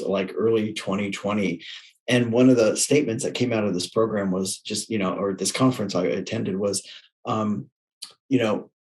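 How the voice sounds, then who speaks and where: A middle-aged man, a leadership coach, telling stories in an interview, expressive, with frequent restarts and repeated words. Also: lowish voice. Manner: expressive, many restarts and repetitions. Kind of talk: conversational interview storytelling.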